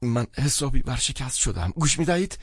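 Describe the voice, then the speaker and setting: A man's voice: mid-range voice, very animated, husky, no room sound, clean studio sound, pitched above the performer's own voice. A man voicing a desperate, broke man of about thirty who pleads urgently and stammers, in an audiobook.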